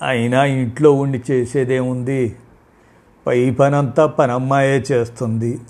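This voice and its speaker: A man voicing a frail elderly father who speaks gently and wearily. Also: medium pitch, flat delivery, lightly acted. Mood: weary. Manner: tired, soft-spoken, slow.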